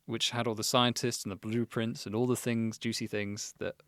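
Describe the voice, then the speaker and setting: A man co-hosting a podcast, telling a history story in an animated way and laughing often. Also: on the low side, moderate pace, dry recording, clean studio sound. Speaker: podcast co-host. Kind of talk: casual history chat.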